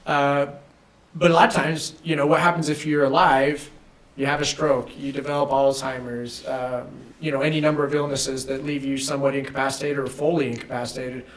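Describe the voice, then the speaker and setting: On a casual podcast, a man acting as an estate planning attorney explains legal steps in a measured, plain-spoken way. His voice is mid-range with little pitch movement.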